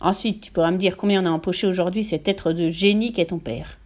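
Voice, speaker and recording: A woman's voice: on the low side, steady tone, fast, darkish tone, close to an everyday voice. A woman voicing a smug, bullying middle-aged father in an audiobook, bragging and barking. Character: boastful, bullying middle-aged father, used-car dealer.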